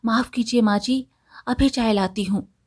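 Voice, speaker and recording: A woman's voice: fairly high pitch, normal speed, darkish tone, lightly acted. A woman voicing a tired but determined young village daughter-in-law in a storybook tale, speaking in a pleading way. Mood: weary.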